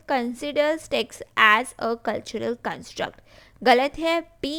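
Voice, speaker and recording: Slow, high-voiced tutor woman. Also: a bit bright. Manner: reads questions and options slowly, then gives the answer; mixes Hindi and English. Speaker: exam-prep tutor. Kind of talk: lesson explaining exam answers.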